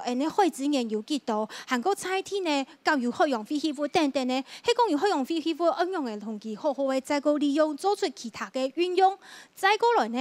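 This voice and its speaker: A woman with a high voice and a Taiwanese Hakka accent hosts a studio panel discussion. She talks with frequent pauses and fillers. The sound is dry and close. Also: no room sound. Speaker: talk show host.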